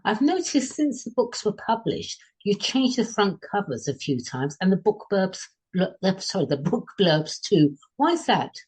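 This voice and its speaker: A woman's voice: medium pitch, big pitch swings, moderate pace, few pauses, darkish tone, husky. A woman hosting a book podcast, asking questions and encouraging her guest with short replies. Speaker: podcast host. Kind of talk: podcast interview.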